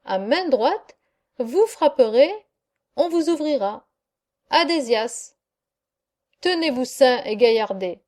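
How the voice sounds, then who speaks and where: A woman's voice: high voice, lively intonation, slow pace, pauses often, a little mellow. A woman reading an audiobook voices Saint Peter, a fatherly old gatekeeper of heaven who speaks genially and without hurry. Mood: reassuring.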